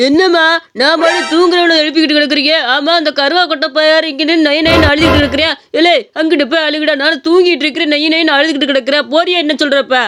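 A woman's voice: sits high, steady tone, fast talker, a bit bright, slight background noise. A woman playing a lazy greedy man. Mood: rude. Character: lazy greedy grown man, rude and defensive. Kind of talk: cartoon story voice acting.

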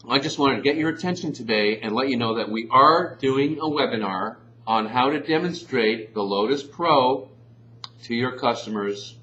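Lively, jokey man on a dull, humming recording. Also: mid-range voice. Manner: jokey, animated, talks with mouth full at times. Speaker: company spokesman. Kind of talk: playful sales demo talk. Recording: dull lo-fi sound with faint hum.

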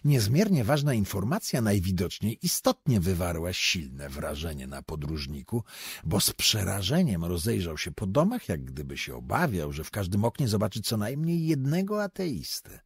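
A man narrating a literary audiobook in an expressive, deliberate storytelling manner, recorded close to the microphone. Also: sits low, breathy edge, no room sound.

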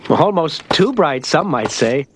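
A man's voice: fairly high pitch, big pitch swings, a little slow, noisy background. A man playing a mild, rueful suburban father in a cartoon, with an understated manner. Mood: mildly worried. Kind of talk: cartoon acting.

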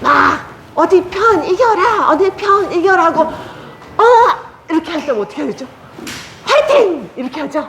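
A woman's voice: extremely high pitch, expressive, moderate pace. A woman instructor leading older adults in a clapping and cheering exercise, calling out chants and cues in a cheerful, coaxing manner. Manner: cheerful chants and cues, talks down to elders warmly. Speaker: senior recreation instructor. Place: day care center activity room. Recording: echoey room, faint noise.

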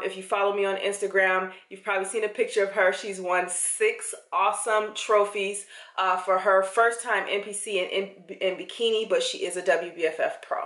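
A young female fitness vlogger chats casually to a camera held close in her home kitchen. Her voice is medium-pitched and a bit bright, and she rambles loosely with lots of fillers. The sound is roomy.

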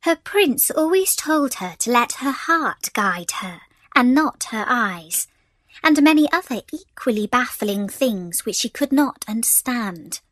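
Woman storyteller, fairly high voice, slow gentle children's story reading. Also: lively intonation, dry recording. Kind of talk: scripted storybook narration.

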